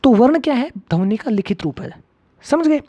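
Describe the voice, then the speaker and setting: A man's voice: very high voice, expressive, normal speed, dark tone. Guy teaching grammar, keeps asking "got it?" and repeating stuff, kinda dull lo-fi audio. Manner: asks the class questions and repeats key points. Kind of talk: grammar lecture for exam students.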